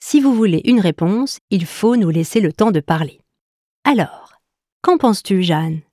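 A woman's voice: mid-range voice, animated, a little slow, a little mellow, dry recording, clean studio sound. Sensible male companion, firm, patient, storybook; woman reads it. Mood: asking.

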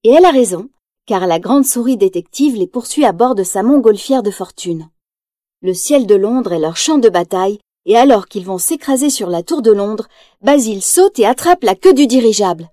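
Storybook narrator, woman, lively read, warm mellow timbre. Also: medium pitch, normal speed, no room sound, studio quality. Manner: lively, acts out quotes in raised voice.

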